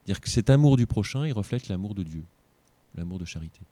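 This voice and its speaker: Tired man with a mellow low voice. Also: lively intonation, brisk, dry recording. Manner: digressive, joking asides while reading scripture. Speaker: Bible teacher. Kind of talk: informal Bible lesson.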